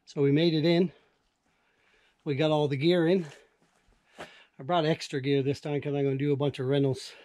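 Filming himself outdoors with an action camera at arm's length, an older Newfoundland man explains his cabin chores in a plain, matter-of-fact way, his local accent clear. The casual vlog narration comes in a mellow, level voice on the high side, at a moderate pace with frequent pauses.

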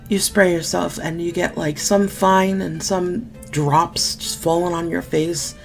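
Recorded on a webcam indoors in a small room at home, this is a casual unboxing chat from a beauty vlogger going through makeup. She's sick, losing her voice and coughing deeply, so her low voice comes out croaky with fry. Still, she stays chatty and candid, with a touch of sarcasm.

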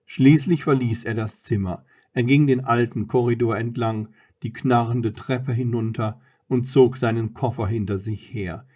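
Man reading an audiobook calmly. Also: medium pitch. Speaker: audiobook reader. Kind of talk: scripted narration.

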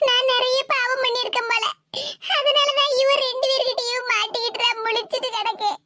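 A performer voicing a sharp-tongued middle-aged mother in an animated comedy, with a Tirunelveli Tamil accent and a nagging, scolding manner. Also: extremely high pitch. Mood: weary. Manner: nagging, scolding, rapid complaints. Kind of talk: animated comedy sketch voice acting. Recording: loud background hiss.

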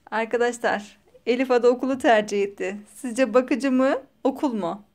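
A woman's voice: on the high side, normal speed, a little mellow. A young mother chatting playfully with her toddler, asking teasing, sing-song questions for a family vlog.

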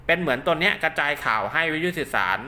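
Here a maker of radio link cables demonstrates his product hands-on in an informal way, explaining repetitively with frequent polite tags. He talks very fast and expressively, in a fairly high, sharp voice. Clear background noise is present.

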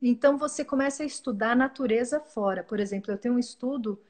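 A woman speaks as a guest in an earnest, reflective way. Her voice sits a little high, and she often breaks off and restarts words mid-phrase. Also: fast talker, a little mellow. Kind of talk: reflective spiritual talk.

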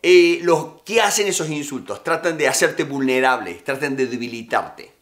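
A man's voice: mid-range voice, expressive, moderate pace, fairly bright tone. A man teaching negotiation tactics in casual, emphatic talk, often repeating his key phrases. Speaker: negotiation instructor.

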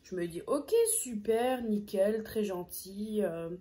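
A young woman who vlogs about food tells a casual story as she eats, speaking slowly in a warm, medium-pitched voice peppered with hesitant fillers. She is close to the camera in a small room.

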